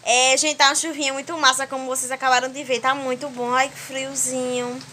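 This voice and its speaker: A young woman with a Brazilian accent chats through a home vlog, keeping up a friendly stream of talk to her viewers. Her voice is bright and sits a little high. She holds the phone at arm's length in a small room at home. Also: little pitch movement, fairly quick, slight background noise. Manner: chatty, keeps addressing viewers warmly with diminutives. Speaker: home vlogger.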